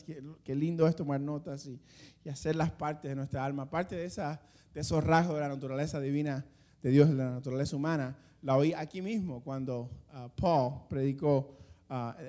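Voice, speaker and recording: A man with a high voice preaching from the pulpit. He builds each point with emphatic rising lines and drawn-out pauses, now and then restarting a word as he speaks freely. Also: warm tone. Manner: some restarts and stammering when speaking off the cuff. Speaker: pastor. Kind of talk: sermon.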